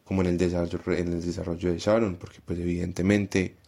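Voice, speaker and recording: A man's voice: deep voice, little pitch movement, fast, gravelly, crowd noise. A young man with a Colombian Paisa accent, a primary school teacher telling a story on a podcast and acting out the dialogue. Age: 20s.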